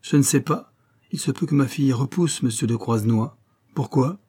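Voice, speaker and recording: A man's voice: medium pitch, normal speed, pitched above the performer's own voice, close to an everyday voice. A man voicing a proud middle-aged nobleman who turns indignant and raises his voice in an audiobook scene. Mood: guarded. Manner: indignant, hoarse shouting.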